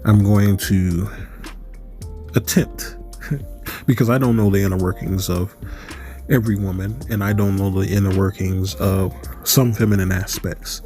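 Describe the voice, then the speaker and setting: Soft background music plays as a channel host talks to camera in a loose, rambling monologue. Allergies leave his low-pitched voice stuffy; he keeps a steady tone, a measured pace, and a dark quality, asking rhetorical questions and correcting himself along the way.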